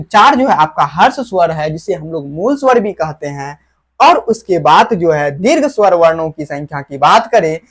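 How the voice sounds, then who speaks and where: A woman teacher walks students through a grammar lesson. Her voice moves lively up and down as she explains, stretches out example vowels and keeps asking rhetorical questions. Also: on the low side. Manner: explains slowly with rhetorical questions, calls listeners dear children; drags out example vowels when demonstrating.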